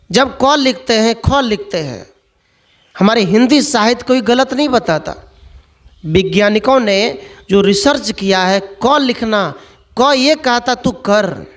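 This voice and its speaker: A man's voice: very high-pitched, a bit bright. A man preaching a sermon, telling stories and firing off rhetorical questions. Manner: storytelling, full of rhetorical questions.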